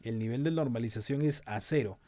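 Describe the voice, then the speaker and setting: A man's voice: medium pitch, a little fast, dark tone, dry recording. A man teaching a class on audio processing. He talks through each step and keeps asking the students whether they are still with him. The recording is dry and close. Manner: explanatory, asks students if they follow. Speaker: audio production lecturer. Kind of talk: online class demonstration.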